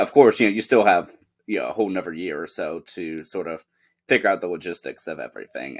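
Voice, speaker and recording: A young man hosting a podcast interview over a video call, friendly and hesitant, with frequent "you know" fillers. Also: sits low. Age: young adult. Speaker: podcast host. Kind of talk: casual interview.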